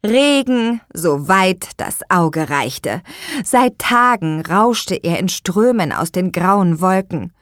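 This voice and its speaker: Expressive woman narrating a children's story. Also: on the low side, no echo, clean studio sound. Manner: expressive storytelling, slowing for suspense.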